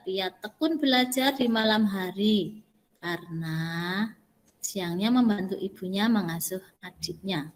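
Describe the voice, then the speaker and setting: A woman teacher speaks slowly and patiently to her online class, often modelling how words should sound. Her voice is somewhat high. A long reverb trails after her words. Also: fairly bright tone. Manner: patient, explains step by step, models intonation. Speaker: Indonesian language teacher.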